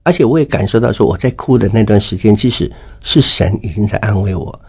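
Gravelly husky middle-aged man telling his story. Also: fairly low pitch, brisk, darkish tone. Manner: emotional storytelling that acts out dialogue. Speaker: interview guest. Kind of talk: personal faith testimony.

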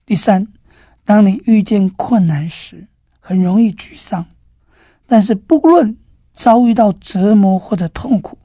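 A woman gives an earnest devotional sermon in a mellow, breathy voice, her tone soft and warm. The sound is close and dry, with no room around it. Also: mid-range voice, no room sound. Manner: gentle, earnest storytelling. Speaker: preacher.

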